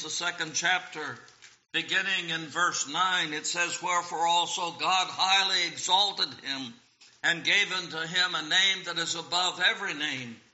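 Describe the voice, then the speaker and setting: A man preaching a sermon in a church, speaking slowly and deliberately with a bright, forceful tone. His voice rings through a roomy sanctuary on a dull, lo-fi recording. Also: fairly high pitch. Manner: slow, deliberate delivery, quoting hymns and scripture. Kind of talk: sermon on hymn lyrics.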